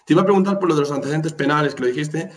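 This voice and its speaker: A man interviewing a doctor, giving short acknowledgements and asking brief follow-up questions. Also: on the high side. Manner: brief backchannels, quick questions. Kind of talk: casual interview.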